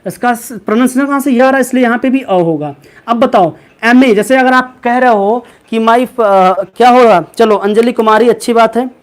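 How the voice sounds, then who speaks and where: A man's voice: very high voice, moderate pace. A male English teacher giving a live online class, repeating questions and calling on students by name and pet name. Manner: keeps quizzing students, repeats questions, calls them by name and pet names.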